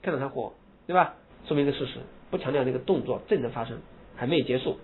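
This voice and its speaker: A man teaching English grammar, explaining in Mandarin and reading English example phrases slowly and with emphasis. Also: mid-range voice, slight background noise. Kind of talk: lecture. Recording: husky lo-fi phone-like recording.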